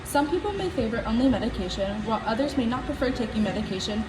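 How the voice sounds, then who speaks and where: Calm psychiatrist puppet played by a woman, measured and instructive, higher-pitched, roomy noisy recording. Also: natural voice. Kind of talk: scripted educational puppet skit. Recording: roomy, distant mic, noisy background.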